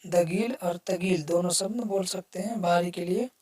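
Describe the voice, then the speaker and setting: A woman's voice: lowish voice, normal speed, darkish tone. A woman teaching a language lesson, saying each phrase, then explaining it word by word and repeating it. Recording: voice distant from the mic.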